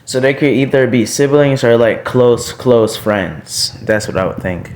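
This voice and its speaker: A man's voice: medium pitch, a little slow, a little mellow. A man hosting a reaction video, talking casually and rambling with lots of filler words. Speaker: video reactor, channel host.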